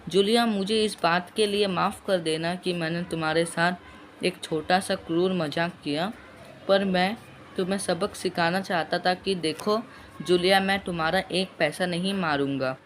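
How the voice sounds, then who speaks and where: Stern, forceful employer voiced by a male teacher, loud and pitched a touch high, in a classroom story reading. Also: steady tone, measured pace, a little hiss or hum. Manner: louder, raised, emphatic delivery. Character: stern male employer, mocking then lecturing.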